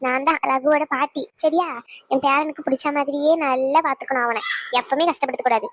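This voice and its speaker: A woman voicing a proud, sharp-tongued old grandmother in a cartoon, scolding with needling questions. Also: sits high, steady tone, a little fast, no room sound, lightly acted. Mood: teasing. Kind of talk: cartoon voice acting.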